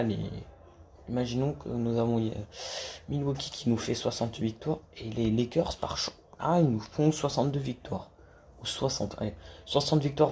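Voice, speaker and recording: A man's voice: mid-range voice, warm tone, a little hiss or hum. A man talking casually to camera about basketball, rambling with many restarts and casual swearing. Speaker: basketball YouTuber.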